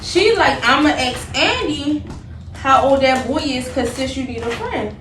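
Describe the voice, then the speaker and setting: With soft music playing in the background, a young woman vlogger chats through a story, voicing the characters' lines in an animated retelling. Her pitch sits high and her pace is measured; the recording is roomy and noisy from a distant mic.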